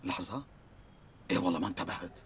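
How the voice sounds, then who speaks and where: An actor with a Levantine Arabic accent playing a nervous friend who reluctantly joins a dangerous plan. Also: male voice, sits low, rapid-fire, slightly rough. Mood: worried. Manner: anxious, pleading.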